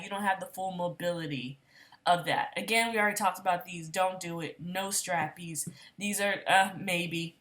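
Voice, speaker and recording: A woman, a dance heels instructor, casually chatting through a shopping vlog with emphatic, repeated warnings, loud one moment and soft the next. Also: mid-range voice. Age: 30s.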